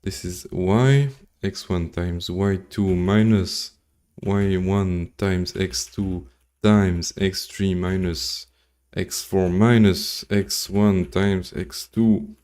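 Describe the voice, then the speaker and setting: Sitting low with a darkish tone and fairly even intonation, the voice comes from a Belgian man who grew up speaking French. He runs a casual coding livestream, thinking out loud, slowly reading off formulas, and making wry asides.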